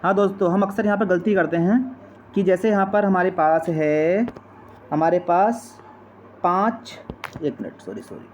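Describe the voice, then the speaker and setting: A man's voice: high voice, expressive, normal speed, a little mellow. A man teaching a slide-based maths lesson, patient and repetitive, often addressing viewers as friends. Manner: patient, repeats steps and keeps addressing friends. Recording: dull lo-fi sound with faint noise.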